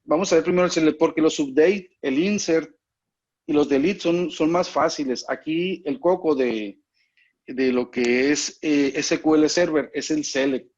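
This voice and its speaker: A man, his voice sitting a little high, leads an online lesson over a video call. He explains patiently and keeps asking whether everyone is following. The sound is muffled and lo-fi, like call audio. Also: unhurried, a little mellow. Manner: patient, explanatory, often checks in with students. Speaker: instructor. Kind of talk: online class lecture.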